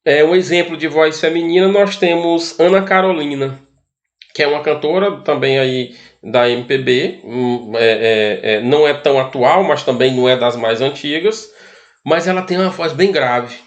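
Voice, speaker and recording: Brazilian male teacher, slightly high voice. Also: moderate pace. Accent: Brazilian Portuguese. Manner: explanatory, asks rhetorical questions, frequent tag questions. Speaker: arts teacher. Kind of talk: recorded classroom lesson.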